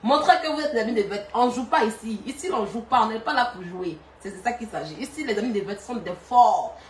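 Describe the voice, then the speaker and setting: A woman's voice: a little high, expressive, fairly quick, reverberant, a little hiss or hum. A woman hosting a live stream, chatting and gossiping with lots of laughter and urging viewers to send stars.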